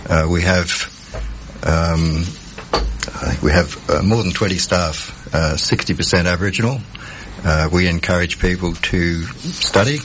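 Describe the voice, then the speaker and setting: A middle-aged man from Perth with an Australian accent, a social worker guesting on a studio radio interview, speaking in a measured, thoughtful way. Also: deep voice, fairly bright tone, a little hiss or hum. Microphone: studio mic.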